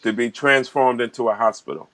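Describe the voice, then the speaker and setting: A man's voice: medium pitch, fairly even intonation, fairly quick, fairly bright tone. A man from New York co-hosting a casual online talk show, speaking earnestly and agreeing emphatically.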